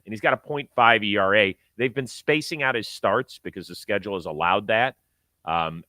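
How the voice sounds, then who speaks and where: Bright, forceful male sports host. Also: low-pitched, no room sound. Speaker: sports talk show host. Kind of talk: conversational baseball commentary.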